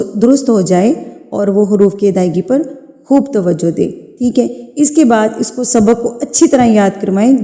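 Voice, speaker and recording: A woman teaching a beginner's alphabet lesson to parents and teachers, calling out each letter in a long, drawn-out voice between plain explanations. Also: a little high, dark tone, long reverb tail. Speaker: Quran teacher.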